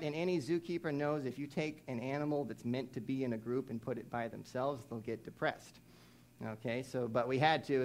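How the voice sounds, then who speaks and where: A young adult man preaching a sermon in a conversational, animated way, telling a story and mimicking animal sounds. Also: mid-range voice.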